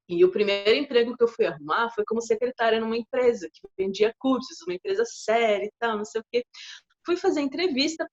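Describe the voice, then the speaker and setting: Husky higher-voiced woman telling a story. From far west of Santa Catarina, Brazil. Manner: chatty, animated storyteller with asides. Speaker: co-host. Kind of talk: casual storytelling chat. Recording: dull lo-fi audio.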